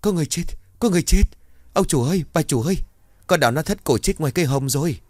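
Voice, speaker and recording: Một người đàn ông giả giọng cô hầu gái trẻ hoảng loạn la thất thanh. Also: male voice, animated, a little fast, darkish tone, breathy edge, no echo, studio quality. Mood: frantic. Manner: shrill frantic wailing. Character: panicked young female servant.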